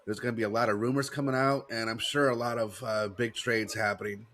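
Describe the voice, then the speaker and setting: A man's voice: on the low side, fairly even intonation, fairly quick, fairly bright tone. An American man hosting sports talk, congested with a head cold and breathing through his mouth, repeating his points for emphasis. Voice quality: stuffy-nosed.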